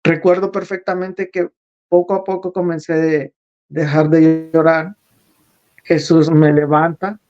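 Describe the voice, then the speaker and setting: A man being interviewed, recounting a spiritual vision in a slow, earnest, repetitive way. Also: on the high side, flat delivery, darkish tone, dull audio. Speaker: interview guest.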